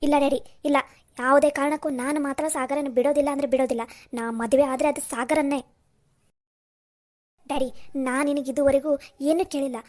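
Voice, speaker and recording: A woman's voice: high voice, fairly even intonation, moderate pace, long pauses, darkish tone, lightly acted. A woman voicing a headstrong young daughter in a cartoon who insists on getting her way. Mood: defiant. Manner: insistent and defiant. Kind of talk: Kannada cartoon voice acting.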